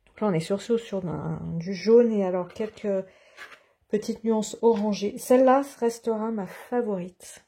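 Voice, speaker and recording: Woman, husky voice, casual craft chat, lots of fillers, step-by-step explaining, home desk. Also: mid-range voice, measured pace, mellow. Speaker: watercolor craft vlogger.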